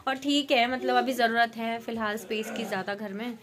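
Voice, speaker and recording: A woman's voice: on the high side, fairly even intonation, brisk. A woman chatting casually to her viewers in a vlog, talking straight to them with plenty of fillers. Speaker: vlogger. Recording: music playing underneath.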